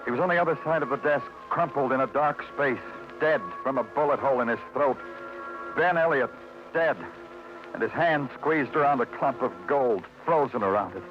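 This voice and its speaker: Brooding and hard-boiled, a male American actor with a medium-pitched, natural voice delivers moody scripted narration at a moderate pace. He's a terse, world-weary New York cop recounting his case in 1940s radio noir, heard through dull vintage audio over background music.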